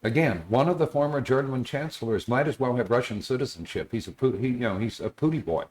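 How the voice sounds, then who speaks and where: Male co-host, mid-pitched, blunt and opinionated in casual commentary. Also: quick pace, a little mellow. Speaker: podcast co-host.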